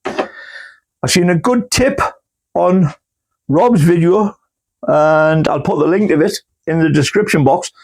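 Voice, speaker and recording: Slow, chatty gardener man. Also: a little high, darkish tone, husky. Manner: rambling, homely, full of fillers. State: hiccups. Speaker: gardening channel host. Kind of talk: casual chat while potting plants. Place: indoors in a cool grow room.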